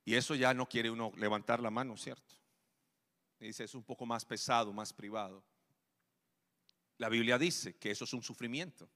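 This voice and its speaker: A pastor preaching a sermon, whose delivery swings between emphatic raised calls and quiet, hushed stretches. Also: male voice, mid-range voice, big-room sound. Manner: preaching with rising emphatic calls and soft drops.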